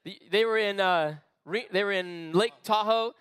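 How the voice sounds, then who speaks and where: A man preaching an energetic sermon to a youth group, chatty and full of asides. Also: high voice, clean tone, no echo. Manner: animated, conversational preaching with quick asides. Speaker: youth pastor. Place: church meeting room.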